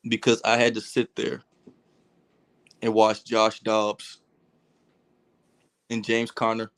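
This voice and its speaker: A man's voice: fairly low pitch, clear, resonant tone. A man hosting a casual sports podcast, ranting in an exasperated, heated way with swearing and teasing of his co-hosts. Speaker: podcast host.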